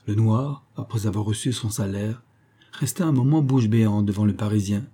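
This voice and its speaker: A man narrating a classic adventure novel aloud in a steady storybook style. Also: lowish voice, moderate pace, breathy edge. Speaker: audiobook reader.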